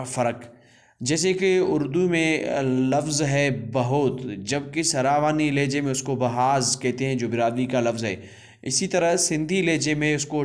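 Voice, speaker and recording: A man from Balochistan, Pakistan, giving a language lesson, talking slowly and deliberately, repeating words for learners and pausing with hesitation sounds. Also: a little high. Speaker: language teacher.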